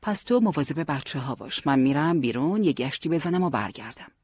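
A man voicing a teasing but caring young male fighter who leads his friends, with a husky voice. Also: on the high side, very animated, no room sound. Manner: joking, bossy yet warm.

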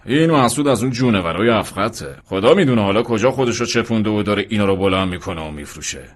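A man voicing a gleeful shopkeeper who gossips about a customer. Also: on the low side. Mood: excited. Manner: excited, gossipy. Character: gleeful male electronics shopkeeper.

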